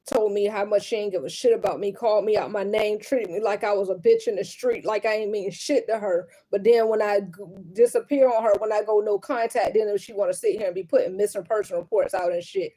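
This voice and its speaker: Mother venting on camera, blunt and profane, mid-pitched woman's voice. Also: fairly even intonation, brisk, few pauses, warm tone.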